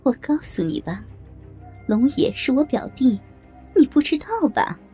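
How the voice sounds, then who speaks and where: A cruel woman, voiced by a female reader, talks down with cold contempt. The voice is mellow and husky, pitched a little high, with faint music underneath. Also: sing-song, a little slow, full character voice. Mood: sneering. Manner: sneering, contemptuous. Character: cruel scornful woman, a tormentor.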